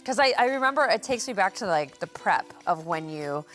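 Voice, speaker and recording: A woman's voice: medium pitch, expressive, brisk, fairly bright tone, soft background music. A woman in her late twenties cooking on a TV morning show set, bubbly and giggly in casual banter. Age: late 20s. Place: TV studio kitchen set.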